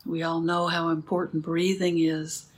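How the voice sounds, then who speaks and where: Female meditation guide: very slow, calm delivery, slightly low and breathy-husky. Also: low-quality recording. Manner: calm, unhurried, gentle pauses. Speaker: meditation teacher.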